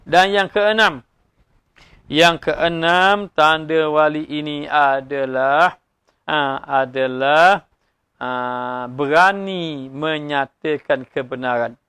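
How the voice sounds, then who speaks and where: A man with a Malaysian Malay accent giving a sermon-style religious lecture, lively and joking, with frequent "ah" fillers and sudden rises in pitch. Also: slow, smooth, no room sound. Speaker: religious teacher.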